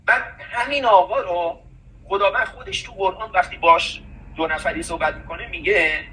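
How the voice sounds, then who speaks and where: A man with a high, bright voice talks in an animated, preachy way, now and then reciting verses in a slower, singsong tone. He sits some distance from the microphone, so the sound is a little thin and far off. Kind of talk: casual chat.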